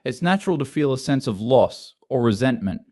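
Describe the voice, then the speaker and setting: A man's voice: medium pitch, animated, a little fast, a little mellow, lightly acted. A man reading an earnest young woman student, lecturing. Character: self-assured young female activist student.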